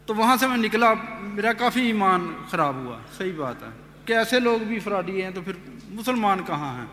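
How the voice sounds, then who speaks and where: Man telling his own story, high bright voice, lots of echo like a big hall. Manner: earnest, animated retelling with quoted dialogue. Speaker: speaker giving a personal testimony. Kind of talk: storytelling testimony. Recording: echoey hall reverb.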